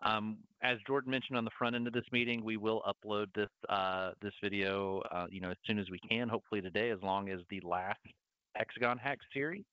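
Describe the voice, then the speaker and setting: A man's voice: lowish voice, steady tone, brisk, sharp tone, smooth, no echo, dull audio. Upbeat Southern man on a video call. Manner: upbeat, promotional. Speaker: host. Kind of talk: webinar wrap-up.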